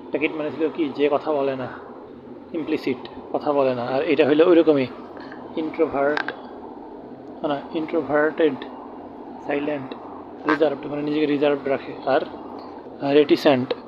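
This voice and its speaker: A man teaches word lists in a slightly high voice, repeating each word and checking in with rhetorical questions. The recording is dull and lo-fi, with faint traffic humming behind him. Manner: repetitive memory tricks, rhetorical questions. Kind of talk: vocabulary lesson.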